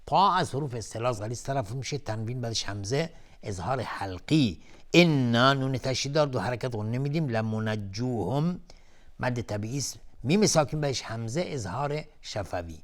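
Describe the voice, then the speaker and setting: A man hosting a televised Quran recitation lesson, chanting each verse slowly and melodically, then calmly explaining the recitation rules word by word. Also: mid-range voice. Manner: calm, methodical, repeats each word while explaining. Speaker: Quran recitation teacher and host.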